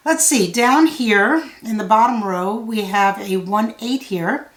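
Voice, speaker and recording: A woman giving a solve-along tutorial, thinking out loud step by step in a measured way. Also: medium pitch. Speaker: puzzle tutor. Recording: roomy, echoey sound.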